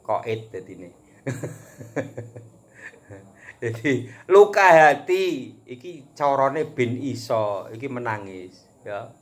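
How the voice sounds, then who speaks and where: A man with a Javanese accent giving a casual religious talk as a preacher, animated and joking, chuckling often. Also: mid-range voice, very slow. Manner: animated, chuckles often, mixes teaching with jokes.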